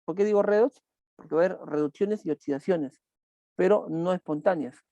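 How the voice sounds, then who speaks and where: A man's voice: sits high, brisk, warm tone, no room sound, highs cut off. A man teaching a chemistry class online, repeating key points and asking students questions as he goes.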